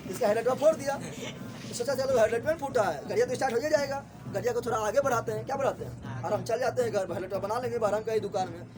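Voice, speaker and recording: A man, teaching a story chapter to a class, often asking a quick question and answering it himself. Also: extremely high pitch.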